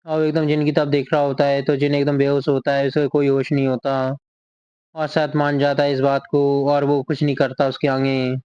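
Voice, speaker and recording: A man's voice: a little high, completely flat delivery, normal speed, a little mellow, smooth, no echo, lo-fi sound. A man casually retelling a manga chapter as a recap narrator. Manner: reads character lines in the same plain voice.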